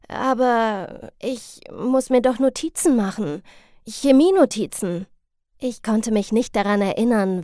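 A woman narrating a story in the first person, in a lively, wry storytelling manner. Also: medium pitch, dry recording, studio quality. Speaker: audiobook narrator.

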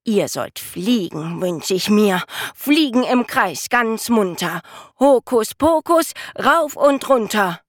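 A woman voicing an excited young male mouse who can do magic, with high, drawn-out, gleeful exclamations. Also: dry recording, clean studio sound, heavily acted. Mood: mischievous.

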